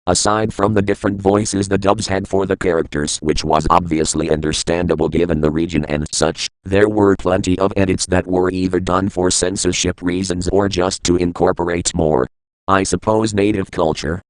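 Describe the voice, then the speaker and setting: A man's voice: low voice, steady tone, normal speed, clean tone, no room sound, poor audio. A man reading a scripted creepypasta as a first-person narrator. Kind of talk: scripted horror story narration.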